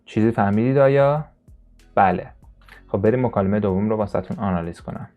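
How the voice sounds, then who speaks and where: A man whose first language is Persian teaches an English listening lesson in a low voice. He repeats English phrases slowly and deliberately, stretching each word out for his students. Soft music plays faintly behind him. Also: narrow, tinny audio. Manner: slow, drawn-out repetition of English phrases.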